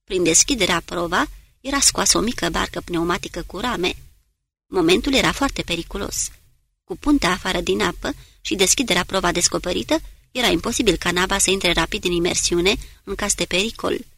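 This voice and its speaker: A woman narrating an audiobook in a steady, measured reading voice. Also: lowish voice, creaky. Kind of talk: scripted narration.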